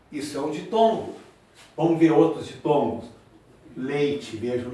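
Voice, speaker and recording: A man teaching a grammar lesson at a board, speaking slowly and repeating each example word. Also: mid-range voice, mellow, recorded from a distance. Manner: slow, drawn-out, repeats example words. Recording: very echoey room, voice from afar.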